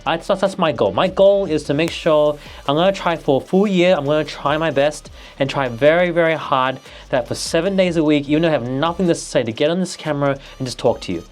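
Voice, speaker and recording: A man's voice: a little high, a little fast, hardly any pauses, faint music behind. A man, a nervous vlogger talking casually to camera with many restarts and fillers. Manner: hesitant, restarts and fillers, motivational.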